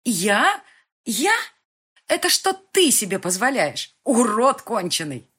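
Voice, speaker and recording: A woman voicing a defiant, frightened young heroine in an audiobook, with a husky voice and shrill outbursts. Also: fairly quick. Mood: defiant screaming.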